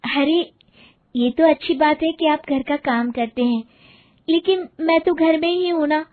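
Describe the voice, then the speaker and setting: A woman's voice: sits high, unhurried, pitched above the performer's own voice. A woman voicing a polite young bride in a cartoon story, sweet and coaxing, with a tinny phone-like sound.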